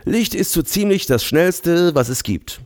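A man's voice: a little high, animated, a little slow, dry recording, voice pushed up. An eager, impatient ex-soldier chiming in with answers, voiced by a male narrator. He sounds triumphant and helpful, in a raised voice. The recording is dry.

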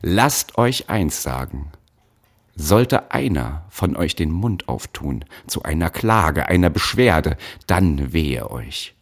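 A man voicing a brutal, bespectacled male factory overseer who shouts threats at child workers, in an audiobook. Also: low voice, big pitch swings, unhurried, slightly rough, full character voice. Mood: threatening. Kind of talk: audiobook narration.

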